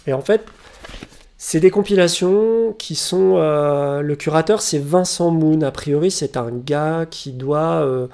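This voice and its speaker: A man's voice: fairly high pitch, takes it slowly, gravelly, darkish tone. A man presenting his record finds in a casual vlog, hesitant and full of fillers and restarts, recorded on a webcam at home. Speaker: vinyl collector presenting records.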